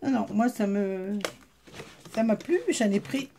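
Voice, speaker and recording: With a creaky, dark, mid-range voice and a measured pace, this woman chats over slight background noise. She's a haul vlogger with a Southern French accent, casually presenting her haul to viewers, addressing them directly and using lots of fillers.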